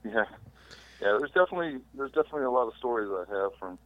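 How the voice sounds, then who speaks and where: A middle-aged man calling in remotely as a podcast guest, recalling his career in a relaxed, rambling way with fillers. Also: medium pitch, fast talker, no room sound. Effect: heard over a remote phone call. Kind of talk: casual interview storytelling. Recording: tinny dry phone-line audio.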